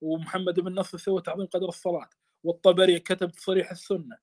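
A man's voice: high-pitched, level tone, fast, a little mellow. A man teaching a study lesson on a classical text, speaking with passion and often stammering and repeating words.

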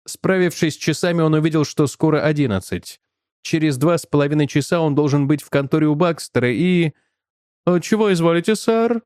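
A man reading a story aloud in an even, measured narration. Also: on the high side, no echo, clean studio sound. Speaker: audiobook reader. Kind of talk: scripted narration.

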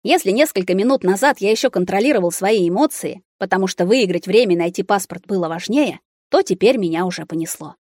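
A woman's voice: mid-range voice, animated, quick pace, a little mellow, no room sound. Woman narrating an audiobook, dry sound.

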